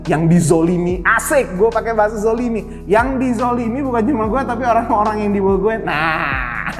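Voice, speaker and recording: A male pastor giving a casual online sermon, slangy and playful, dropping in English phrases. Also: sits high. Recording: long reverb with faint music.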